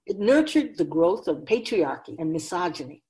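Playing a wise, otherworldly keeper of souls in a radio drama, a woman lectures humanity with grave emphasis, leaning on rhetorical questions in an oracular style. Her voice is fairly low and dark in tone, with a sing-song lilt at a normal speed.

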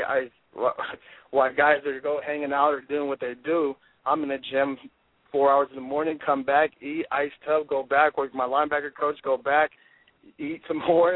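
A medium-pitched man in his twenties speaks over a dry, tinny phone call. He's a football player and draft prospect being interviewed, and his manner is intense, confident, and driven.

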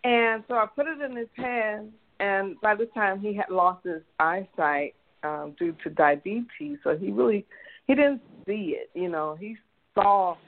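A woman tells a personal story with lively energy, slipping into the voices of her family as she goes. Her voice sits at a middle pitch. The sound comes through a thin, tinny phone line. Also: measured pace. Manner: animated, acts out family quotes. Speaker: guest researcher.

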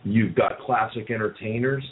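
A man's voice: lowish voice, steady tone, normal speed, slight background noise. A man hosting a casual chat, telling nostalgic stories and slipping into impressions. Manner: nostalgic storyteller, does voices. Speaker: host. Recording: tinny phone-like sound.

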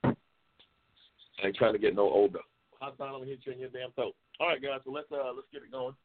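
On tinny, phone-like lo-fi audio, a man in his seventies hosts a casual live stream, joking and trash-talking with viewers while reading their comments. His mid-range voice moves fast.

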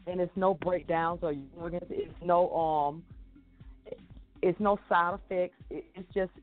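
A man, a guest chef speaking over a call whose connection breaks up and cuts in and out, talking haltingly with fillers. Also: sits high, steady tone, soft background music. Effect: connection breaking up, voice cutting in and out. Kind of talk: casual interview over a call. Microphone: remote call. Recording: tinny phone-like call line.

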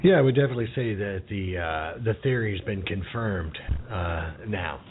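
A man's voice: fairly low pitch, expressive, normal speed, slight background noise. A man hosting a casual podcast interview, chatty and full of "you know" fillers. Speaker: podcast host. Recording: phone-like narrow audio.

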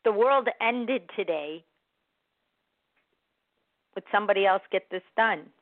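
Woman giving gentle motivational talk, tinny. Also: medium pitch, expressive, slow pace, no echo. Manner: gentle, encouraging, reflective. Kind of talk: motivational self-help talk. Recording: dry, tinny phone-like sound.

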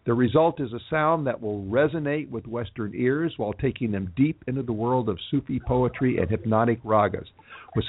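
A male radio host with a medium-pitched voice does a live interview and an ad read, speaking haltingly with many fillers and restarts. The sound is tinny, dry, and phone-like lo-fi, with slight background noise.

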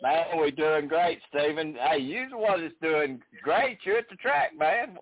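A man's voice: a little high, unhurried. A man hosting a casual interview in an informal, folksy way. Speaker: show host. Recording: narrowband phone-like sound.

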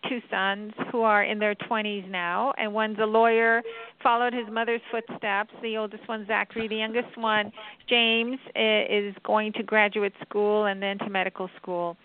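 A middle-aged woman from the US Virgin Islands speaking as an interview guest over a landline phone, explaining things in a measured way. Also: mid-range voice, flat delivery, clear, resonant tone. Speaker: guest, children's author and lawyer. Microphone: landline telephone. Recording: narrowband landline phone line.

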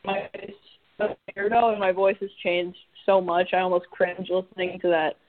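A man's voice: high voice, level tone, moderate pace, no echo. A man calling in to a radio show on a crackly cell phone line that fades in and out, talking casually and hesitantly with many fillers. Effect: crackly cell phone line fading in and out. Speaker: band singer calling in.

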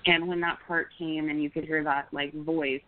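A woman's voice: deep voice, flat delivery, moderate pace. A woman in her thirties from Oklahoma, a podcast host telling a story in casual chat, with lots of "like" fillers. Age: 30s. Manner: chatty storytelling with many fillers. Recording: tinny phone-like call audio, dry.

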